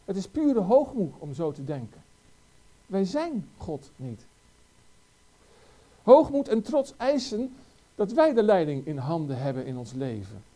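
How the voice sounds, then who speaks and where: A preacher delivers a sermon in a warm, dark voice. The pitch swings widely as the preacher presses question after rhetorical question on the listeners. The delivery is earnest and emphatic throughout. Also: sing-song, measured pace.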